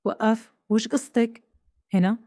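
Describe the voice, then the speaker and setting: A woman's voice: fairly high pitch, fairly even intonation, measured pace, mellow, dry recording, clean studio sound, lightly acted. A woman doing a stern Saudi husband. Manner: blunt, demanding questions. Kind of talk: storytelling dialogue.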